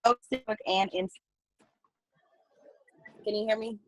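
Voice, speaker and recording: A woman's voice: medium pitch, steady tone, slow, low-quality recording. A woman training her sales team over a video call, her audio choppy with words cut off as the connection drops. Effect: choppy connection cutting out mid-word.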